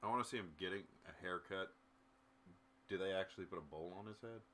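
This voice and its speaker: Playful bright-voiced man, faint noise. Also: deep voice, fast. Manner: playful, throws out silly ideas. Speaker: podcast co-host. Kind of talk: casual sports chat.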